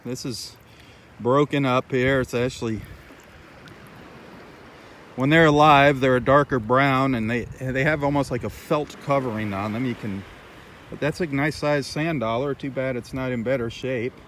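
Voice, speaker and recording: Loud outdoor noise surrounds a man's casual voice as he narrates a live nature vlog while walking a beach sandbar. His pitch is medium, his tone steady and his pace moderate. The handheld phone camera captures lapping water in the noisy audio.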